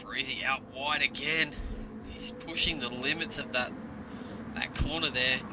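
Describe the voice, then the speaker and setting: A man calls a motor race as a live commentator, with loud vehicle noise all around his voice. His play-by-play is excitable, following each move as it happens, at a middling male pitch. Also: normal speed, muffled recording. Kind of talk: live sim or club racing commentary. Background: loud car and vehicle noise.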